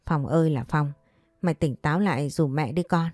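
Woman reader doing a pushy, scolding storybook mother; low, dark, dry, faint music. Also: a little fast, dry recording. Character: stern scheming middle-aged mother scolding her son.

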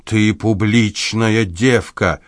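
A man voicing a self-pitying, pompous husband who whines in a slow, drawn-out, nasal voice in an audiobook. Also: fairly low pitch, dry recording, clean studio sound, close to an everyday voice. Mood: whining rant.

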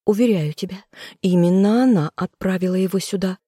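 An audiobook reader voicing a furious, spiteful noblewoman, the king's sister, who scolds in sharp outbursts. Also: breathy edge, no echo, clean studio sound, natural voice. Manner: shrill, scolding, quick outbursts. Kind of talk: audiobook role reading.

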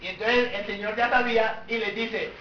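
A man's voice: high voice, steady tone, moderate pace, a little hiss or hum. A man preaching a sermon, telling the story with animation and throwing rhetorical questions at the congregation. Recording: echoey hall, distant mic, dull lo-fi.

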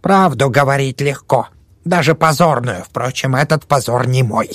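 A man voicing a shrill, superstitious old woman who scolds and whispers accusations. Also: normal speed, a bit bright, no echo, clean studio sound. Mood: shrill scolding.

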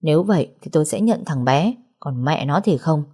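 A woman's voice: low voice, lively intonation, moderate pace, dark tone. A woman voicing a cold, haughty older mother-in-law in a story, speaking dismissively. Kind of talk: audiobook character reading.

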